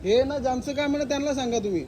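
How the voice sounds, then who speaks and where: A man's voice: extremely high pitch, very fast, warm tone. A man in a heated street argument with shopkeepers, insistent and repeating his points. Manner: insistent, repeats points, argues about rights. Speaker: rider confronting shopkeepers. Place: street outdoors near shops.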